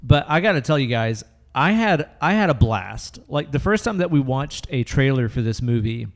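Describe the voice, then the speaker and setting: A man's voice: medium pitch, sing-song, normal speed. A man from the United States, hosting a podcast in casual, sweary comedic banter with a playfully showy manner. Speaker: podcast host.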